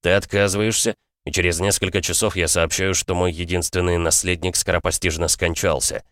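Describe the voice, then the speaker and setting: Guy doing a deep calm noble dad, cold and patient, super dry close sound. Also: no echo. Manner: measured, patient, coldly matter-of-fact. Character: calm aristocratic father, older man, cold and reasoning. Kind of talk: audiobook character voice.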